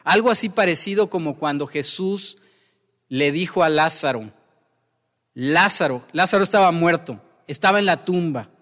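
A man preaching a verse-by-verse Bible sermon in a slow, deliberate way, often stopping to check in with his listeners. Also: fairly high pitch, a bit bright, big-room sound.

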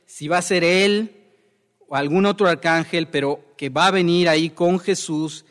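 A man preaching a verse-by-verse Bible sermon in a slow, deliberate way, often stopping to check in with his listeners. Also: a little high, a bit bright, long reverb tail.

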